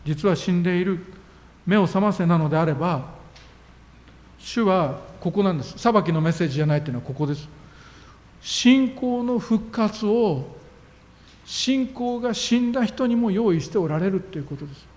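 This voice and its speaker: A man's voice: sits high, expressive, moderate pace, darkish tone. A man preaching a sermon as a pastor, earnest and emphatic, with sudden rises in his voice. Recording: long reverb of a hall.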